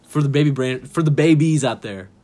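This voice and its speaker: A man's voice: mid-range voice, a little fast, a little mellow. A young man co-hosting a podcast in casual, jokey chat, laughing often. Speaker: podcast co-host.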